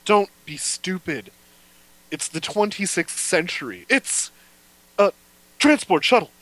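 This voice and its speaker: A man's voice: high-pitched, expressive, slow, a bit bright, low-quality recording. A man recording voice lines for outtakes, playful and giggly as he reads. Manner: giggly, playful line readings. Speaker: voice actor.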